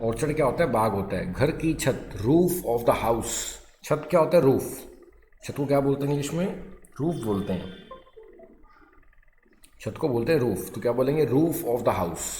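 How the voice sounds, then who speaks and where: A male English teacher giving a grammar lesson, dictating English phrases slowly and explaining briskly in Hindi. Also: mid-range voice, lively intonation, a little mellow, a little hiss or hum. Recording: echoey room with long reverb.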